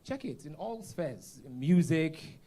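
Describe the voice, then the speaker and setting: Animated man hosting a conference. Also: on the high side, takes it slowly. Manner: animated storyteller, acts out voices. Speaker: conference co-host. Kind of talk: lively stage hosting with a funny story. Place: conference stage before an audience.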